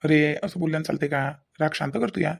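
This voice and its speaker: A woman's voice: low voice, quick pace, gravelly, breathy edge, exaggerated voice. A woman voicing an evasive young man with a Vidarbha Marathi accent, pleading on the phone and promising to explain everything later. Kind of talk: cartoon voice acting.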